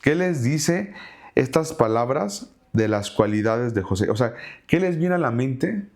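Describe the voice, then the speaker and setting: A man's voice: medium pitch, expressive, unhurried, darkish tone. A man teaching a Bible study, reading verses aloud and then retelling them in casual everyday words. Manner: reads scripture aloud then paraphrases it conversationally.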